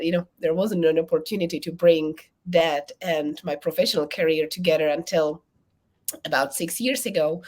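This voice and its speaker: Czech-accented woman, therapist, calm, measured, a little under the weather, lowish pitch. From Czech Republic. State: unwell. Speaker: therapist panelist. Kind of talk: webinar panel introduction. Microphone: video call.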